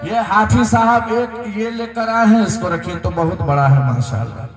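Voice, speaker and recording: A man with a Bhojpuri accent announcing donations at a religious gathering, lively and breaking into loud sung verses. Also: high voice, normal speed, echoey room, very noisy. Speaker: madrasa event fundraiser announcer. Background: crowd.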